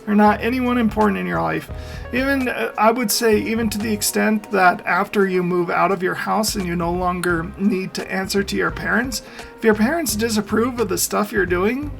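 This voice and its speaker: A man's voice: high voice, moderate pace, creaky, fairly bright tone, faint music behind. A man hosting a meme reaction video, talking casually and opinionatedly, rambling and laughing often. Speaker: meme reaction channel host. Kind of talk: casual commentary.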